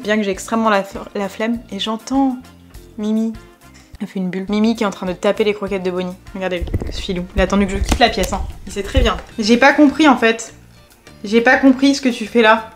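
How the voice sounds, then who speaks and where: A young woman in her twenties vlogging at home, frank and self-mocking, chatting freely with lots of fillers. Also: mid-range voice. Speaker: lifestyle vlogger. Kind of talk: candid chatty vlog talk.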